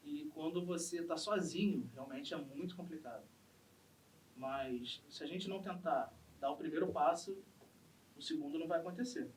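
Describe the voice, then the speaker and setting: A Brazilian samba drum master from the Rio area talks in a casual podcast conversation, earnest and opinionated. His voice sits a little high and rises to emphatic peaks. He sounds set back from the mic, with faint hiss underneath. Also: normal speed, recorded from a distance, low-quality recording. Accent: Brazilian Portuguese, Rio de Janeiro state.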